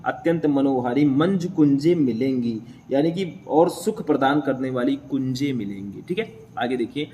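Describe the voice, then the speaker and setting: A man's voice: medium pitch, animated, moderate pace, few pauses, mellow, a little hiss or hum. A young man teaching a class, explaining a poem line by line and often checking in with his listeners.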